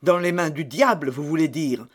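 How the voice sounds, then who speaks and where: A man's voice: normal speed, lightly acted. A man voicing a proud male duke who snaps back in indignant outbursts. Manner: indignant outbursts, raised pitch. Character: proud male duke, haughty and quick to anger.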